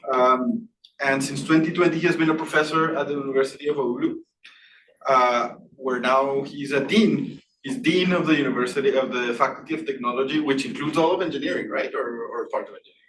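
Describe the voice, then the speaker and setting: A man's voice: mid-range voice, brisk, fairly bright tone. A man hosting a seminar introduces the guest speaker, hesitating with many fillers. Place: lecture room. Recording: echoey room, distant mic, audible noise.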